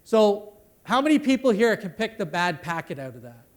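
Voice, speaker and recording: Man, high voice, conference speaker, chatty, tags lines with "right?". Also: sing-song, normal speed. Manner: conversational, tags sentences with "right?". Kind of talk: conference talk on network security. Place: conference hall.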